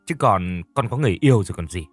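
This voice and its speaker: A man's voice: lowish voice, lively intonation, quick pace, dry recording, soft background music. A man voicing a young woman niece who argues back and then pleads in a told story. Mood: defiant. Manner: pleading, defiant, sobbing speech.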